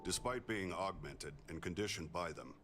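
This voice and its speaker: An actor playing a composed augmented male ex-soldier engineer in a video game, speaking in a measured, plainspoken way. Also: low voice, lively intonation, a crowd in the background. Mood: calm. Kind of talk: video game character dialogue.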